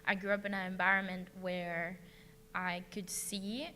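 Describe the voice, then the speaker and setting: A woman tells her story on a panel, soft and reflective, pausing now and then. Her voice carries a long reverb from the hall, with a faint hum underneath. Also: lowish voice, level tone. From Venezuela. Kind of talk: personal testimony on a panel.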